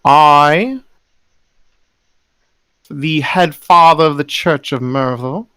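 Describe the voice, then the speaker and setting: A man voicing a pompous high priest who proclaims slowly to a crowd. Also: bright, forceful tone, clear, resonant tone, dry recording. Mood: booming, gloating. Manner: grandiose, slow proclaiming.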